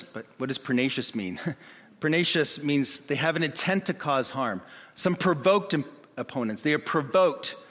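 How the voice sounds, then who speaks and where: A man preaching a sermon in an animated way, acting out the voices of the people in his story. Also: a little high. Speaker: pastor. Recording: long reverb of a hall.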